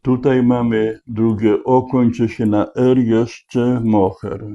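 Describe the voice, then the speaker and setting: A man thinking aloud as he solves a crossword, slowly spelling out letters and checking each word. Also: medium pitch, little pitch movement, warm tone. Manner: slow, deliberate, spelling out letters. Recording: dull lo-fi recording.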